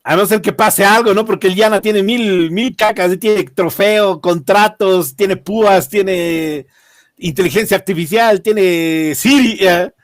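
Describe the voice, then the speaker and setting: A man with a Bolivian accent hosting a casual wrestling commentary, reviewing matches in a jokey, halting way. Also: high voice, dry recording, studio quality. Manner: animated, jokey, swearing, halting repetitions. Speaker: wrestling show host.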